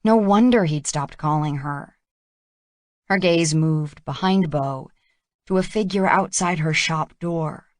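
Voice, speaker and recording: A woman narrating a romance audiobook in a measured, even reading. Her voice sits low and she takes her time. The recording is dry and close. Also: dry recording. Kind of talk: scripted narration.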